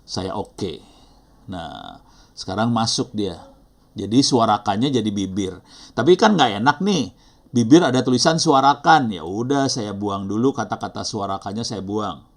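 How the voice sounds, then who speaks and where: A man's voice: fairly low pitch, lively intonation, a little slow. A middle-aged man with an Indonesian accent teaching an online class, talking casually and apologizing often as he thinks aloud. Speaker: instructor. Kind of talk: live online teaching session.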